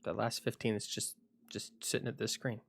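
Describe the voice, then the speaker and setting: A man chatting casually on a solo livestream, rambling and thinking aloud with frequent pauses, at home at his computer. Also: fairly low pitch, level tone, creaky.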